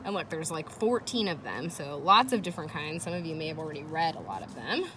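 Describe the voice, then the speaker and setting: A woman teacher reads a children's chapter book in a voice that sits low, moving a little fast with lively intonation. She chats casually with her listeners, encouraging them and asking questions. Children playing nearby make for a noisy background.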